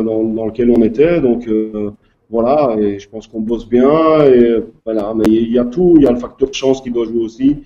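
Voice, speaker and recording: A man's voice: mid-range voice, warm tone, lo-fi sound. A man, a club official answering interview questions hesitantly, with many fillers. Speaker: guest, youth club president.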